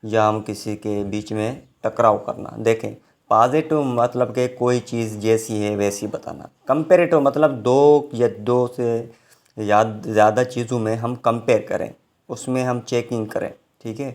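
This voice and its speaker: This male voice sits in the mid range, with a darkish tone and fairly even intonation. He's giving a recorded online lecture on English grammar, walking through each point slowly and frequently checking that his students are following.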